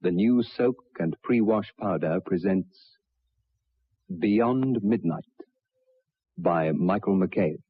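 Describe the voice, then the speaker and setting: Brief: male 1960s radio announcer, deep and slow, formal sponsor read, muffled old recording. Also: slightly rough, dry recording.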